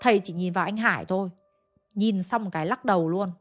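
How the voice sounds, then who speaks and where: A woman's voice: medium pitch, fast talker, soft background music. A woman telling a ghost story in a chatty, conversational way, with emphatic asides. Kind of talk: casual spoken storytelling.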